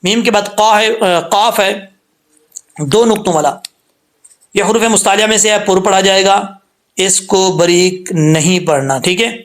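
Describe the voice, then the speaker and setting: Patient man teaching Quran recitation rules. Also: high-pitched. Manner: patient, repeats points, drawn-out sung demonstrations of sounds. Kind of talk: tajweed lesson, explaining and demonstrating letter sounds.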